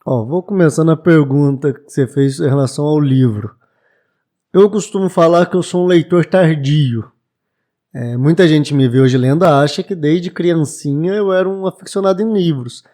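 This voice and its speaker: A man's voice: a little high, moderate pace, mellow. A man in his late twenties from Brazil, a bookshop owner talking reflectively as a podcast guest, with hesitant restarts. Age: 20s. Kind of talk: casual podcast interview.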